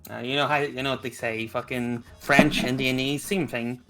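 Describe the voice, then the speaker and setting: A man's voice: medium pitch, fairly even intonation, moderate pace, music in the background. A young man from Northern Ireland with a Northern Irish accent, co-hosting a game stream in casual, joking chat and trailing off mid-sentence. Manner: joking, laughs often, trails off. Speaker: stream co-host.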